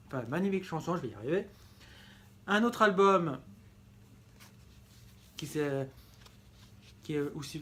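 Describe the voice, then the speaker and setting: A slightly high-voiced man tours his record collection in a laid-back home-video style for a casual show-and-tell vlog. His tone is eagerly affectionate, full of repeated words and self-corrections.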